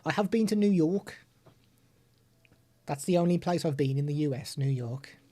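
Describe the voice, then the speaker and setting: Speaking at a moderate pace in a mellow, soft-edged voice on the high side, a British live streamer walks through a product demo step by step. He's chatty throughout and breaks off between explanations to talk with his viewers.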